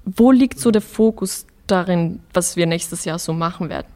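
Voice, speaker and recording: Woman interviewer, polite formal questions, lowish voice. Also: normal speed, warm tone. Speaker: interviewer, project participant.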